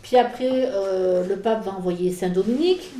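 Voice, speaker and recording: A woman explaining medieval history in a casual talk, halting with many fillers and restarts. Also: mid-range voice, mellow, roomy sound, poor audio. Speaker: speaker on a church history talk. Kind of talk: informal history lecture in conversation.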